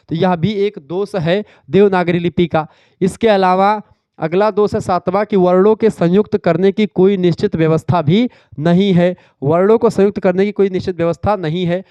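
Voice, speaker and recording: A man's voice: sits high, a little mellow, smooth, no room sound. A man teaching an exam revision lecture, explaining step by step, repeating key terms and quizzing his students.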